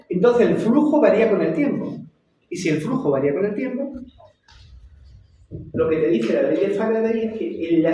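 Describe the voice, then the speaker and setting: A man's voice: high-pitched, darkish tone, a little hiss or hum. Lecturing man, far off in an echoey room. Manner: repeats and checks understanding with "¿vale?". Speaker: university lecturer. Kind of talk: classroom lecture.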